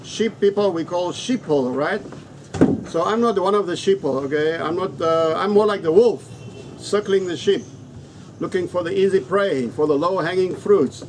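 Recorded amid the noisy open air of an open-sided resto-inn in the Philippines, a middle-aged African English teacher, trainer and vlogger talks casually to camera, repeating words for emphasis. His voice is high and his speed normal; English is not his first language but his third.

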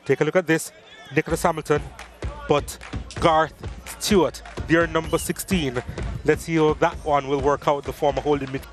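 A man giving measured football commentary over match highlights, reading lineups and stats. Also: fairly even intonation, soft background music.

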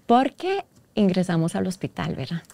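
A woman's voice: lowish voice, very animated, moderate pace, creaky, warm tone. A middle-aged woman, a guest in a podcast interview, telling a painful personal story in an earnest, heartfelt way, often quoting what others said.

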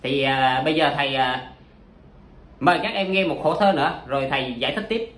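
A man's voice: medium pitch, a little fast, fairly bright tone, reverberant. A man teaching poetry in a chatty, casual way, full of examples and fillers. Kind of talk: casual spoken lesson.

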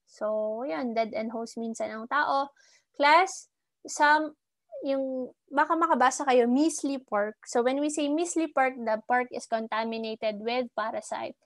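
Filipino lady doing online lecture, mixes tagalog and english midsentence, slow pace, dry close sound. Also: a little high, no echo. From Philippines. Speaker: parasitology teacher. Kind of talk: online lecture reviewing slides. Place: indoor room, recorded screen-share lecture.

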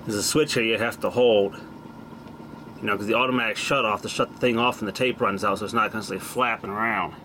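A man with a fairly low voice and fairly even intonation talks quickly while working hands-on on a vintage machine. As a hobbyist repairer, he keeps the commentary casual, blunt, and salty. The sound is noisy amateur camera audio over a mechanical hum.

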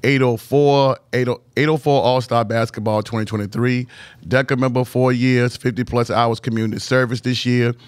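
A man's voice: medium pitch, steady tone, moderate pace, clean tone, no echo. A male sports show host, talking loosely and slightly slurred from retainers in his mouth as he jokes and reads out stats. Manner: laid-back, joking, reads stats aloud. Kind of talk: casual sports interview.

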